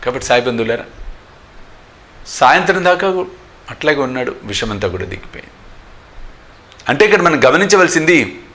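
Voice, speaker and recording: A man's voice: mid-range voice, sharp tone. Emphatic male spiritual teacher. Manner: emphatic, rhetorical questions, mixes in English phrases. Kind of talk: devotional discourse.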